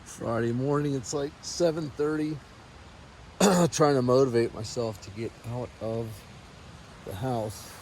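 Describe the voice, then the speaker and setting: A man's voice: medium pitch, unhurried, darkish tone. A man talking casually to his camera as he hikes, in an understated, musing and informal way. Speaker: hiker filming a trail vlog. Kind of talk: casual outdoor vlog narration. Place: outdoors on a mountain trail in wet, windy weather. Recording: noisy outdoor recording with wind and rain.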